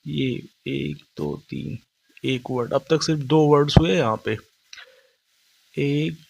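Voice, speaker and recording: A man's voice: on the high side, vocal fry, darkish tone. A man teaching English vocabulary in a classroom lesson, mixing Hindi and English and reading out definitions before explaining them. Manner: mixes Hindi and English, reads definitions slowly then explains.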